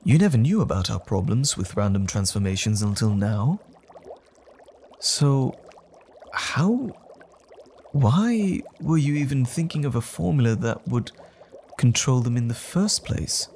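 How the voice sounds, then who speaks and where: An actor playing Dr. Jekyll, an earnest, anxious gentleman scientist who speaks hesitantly and stammers, in a dramatic audio roleplay. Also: mid-range voice, expressive, unhurried, slight background noise. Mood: uneasy, questioning.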